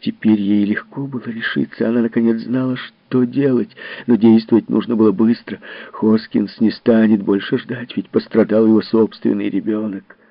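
A male audiobook narrator with a husky, slightly rough voice, reading in a measured, expressive way. The recording is dry and close, with a dull, muffled top end. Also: lowish voice, dry recording. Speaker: audiobook reader. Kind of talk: scripted narration.

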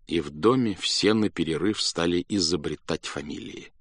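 A man narrating a classic story in an expressive, dramatic manner. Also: low voice, normal speed, dry recording. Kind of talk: storybook reading.

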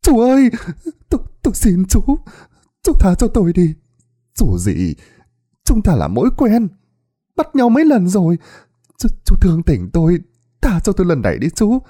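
Male narrator doing a panicky old lady gambler, high stammering pleas, mellow tone. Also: slightly rough, full character voice. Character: old woman gambler, pleading and frantic.

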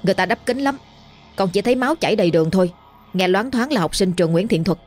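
A woman voicing a young village man, rushed, fretful and gossipy. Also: mid-range voice, animated, darkish tone, faint music behind, natural voice.

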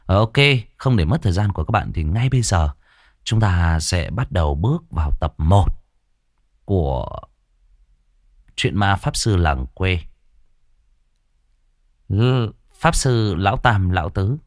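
A man's voice: low voice, lively intonation, a little slow, pauses often, dry recording, studio quality. A man narrating a village ghost story, with a casual, filler-heavy intro before reading.

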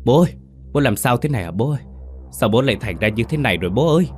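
A man voicing a frantic young man who shouts and wails for his dying father in a spoken horror story. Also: medium pitch, lively intonation, rapid-fire, soft background music, voice pushed up, natural voice. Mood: panicked. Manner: panicked, shouting, wailing.

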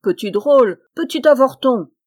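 A woman voicing a huge, scornful male giant in a storybook reading, shouting contemptuously. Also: high voice, expressive, moderate pace, pitched above the performer's own voice.

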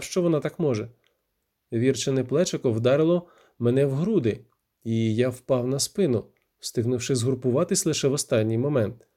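A man reading a first-person audiobook in a measured, steady storytelling manner. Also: medium pitch. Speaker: audiobook narrator.

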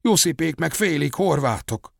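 A grieving older village woman, voiced by a man in a raised register, mournful and measured as she recalls the past. The sound is close and dry, with no room around it. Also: on the high side, animated, creaky, no echo, pitched above the performer's own voice, exaggerated voice.

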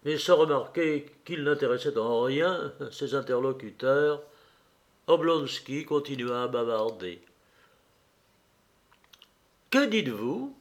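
A man reading a classic novel aloud in a measured, steady way. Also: medium pitch. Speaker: audiobook reader.

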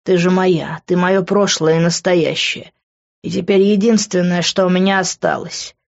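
A woman reading an audiobook, voicing a young man who is an intense, possessive lover, with a lowered voice. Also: fairly even intonation, moderate pace, creaky, highs cut off. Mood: pleading. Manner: pleading, intense.

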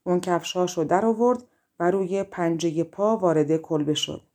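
A woman narrating a fairy-tale audiobook in a calm, even storytelling manner. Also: fairly low pitch.

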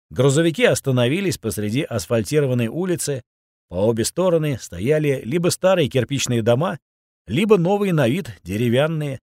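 A man narrating a first-person audiobook in a steady, expressive reading voice. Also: medium pitch, no echo, studio quality.

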